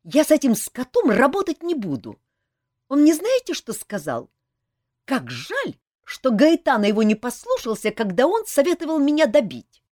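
A woman's voice: sits high, wildly swooping pitch, moderate pace, darkish tone, no echo, clean studio sound, voice pushed up, exaggerated voice. Woman doing a spiteful furious young fighter. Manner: snapping, hateful.

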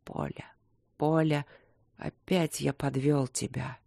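A narrator voicing an exhausted, wounded king who speaks in a hoarse, rasping whisper, weak and drifting in and out of consciousness. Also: medium pitch, fairly even intonation, slow pace, a little mellow, no echo, studio quality. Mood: despairing.

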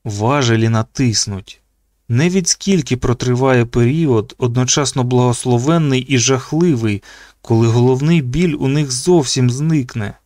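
A man reading an audiobook in a steady, measured narration. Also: mid-range voice, no echo, studio quality.

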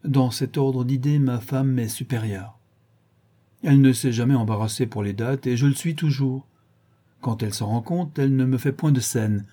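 A man's voice: mid-range voice, moderate pace, dark tone, natural voice. A man voicing a witty, cynical young English aristocrat with an airy, amused manner.

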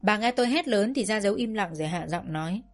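A woman reading a first-person story in an even storytelling manner. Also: mid-range voice, quick pace.

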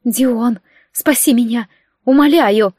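A woman voicing a terrified, scheming woman who begs for rescue in a shrill, panicked plea, in a storybook reading. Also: takes it slowly, a little mellow, no room sound, studio quality.

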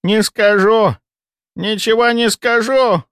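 A man voicing a panicky old village woman who blurts and wails in a shrill voice. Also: slow pace, fairly bright tone, smooth, exaggerated voice. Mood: stubborn, frightened.

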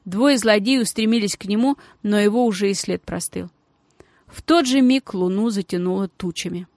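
A woman's voice: mid-range voice, no echo. Woman reading a children's adventure audiobook. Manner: steady, expressive storytelling. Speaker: audiobook narrator. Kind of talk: scripted narration.

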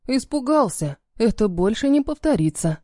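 Stern clipped man, father, low mellow tone, dry close sound, woman doing the voice, audiobook. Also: big pitch swings, moderate pace, no echo. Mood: tender. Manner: cold, clipped, commanding. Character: stern cold-tempered adult man, a father.

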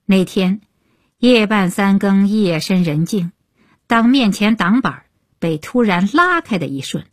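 Woman, radio storyteller, novel reading, lively pitch, husky, dry close studio sound. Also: no echo. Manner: expressive, unhurried storytelling.

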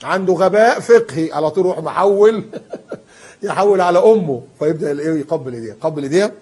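A man preaching in a colloquial style with an Egyptian accent. He is animated and emphatic, and he acts out the people he quotes. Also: on the high side, quick pace, breathy edge. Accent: Egyptian Arabic. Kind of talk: colloquial sermon.

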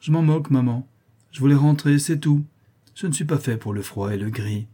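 A man reading an audiobook, voicing a calm, determined young lawyer a little above his own pitch. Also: moderate pace, slightly rough, natural voice. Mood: firm. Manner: calm, firm.

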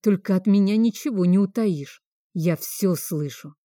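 A woman voicing a volatile, grief-stricken drunken house master with a hoarse voice, in an audiobook reading. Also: medium pitch, a little slow, mellow, no echo, clean studio sound, natural voice. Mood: bitter. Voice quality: hoarse from drink.

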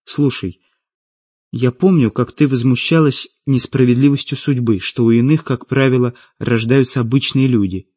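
A man voicing a steady, earnest young man, with a slightly husky voice. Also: medium pitch, normal speed, close to an everyday voice. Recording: dull lo-fi audiobook with faint music.

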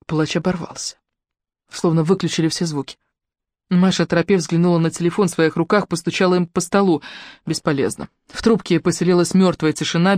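A woman's voice: fairly low pitch, a little mellow, dry recording. Woman narrating an audiobook, dry sound.

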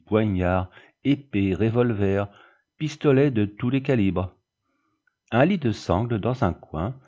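A man reading a story aloud in a measured, descriptive narration. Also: fairly low pitch, mellow, slightly rough, highs cut off. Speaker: audiobook reader.

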